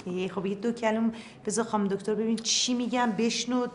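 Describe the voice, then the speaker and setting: A woman's voice: a little high, fairly even intonation, slight background noise, lightly acted. An actress playing an insistent woman pressing a doctor to listen.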